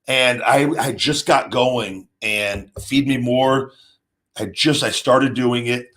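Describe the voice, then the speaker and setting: Fielding viewers' questions in a casual, unscripted monologue, the show's host, an ex-pro wrestler in his late thirties, wanders and halts, often starting sentences over. He speaks at medium pitch in a slightly bright voice with fairly even intonation.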